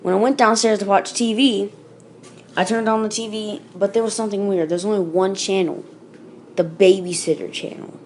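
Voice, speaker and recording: A woman's voice: mid-range voice, steady tone, moderate pace, a little mellow, slight background noise. Woman casually telling a creepy story. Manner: casual, with fillers and self-corrections. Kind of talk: casual spoken creepypasta reading.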